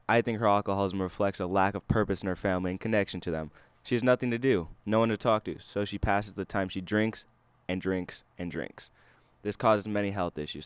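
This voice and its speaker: Low-voiced man reading an essay. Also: clear, resonant tone, dry recording. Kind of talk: scripted essay narration read aloud.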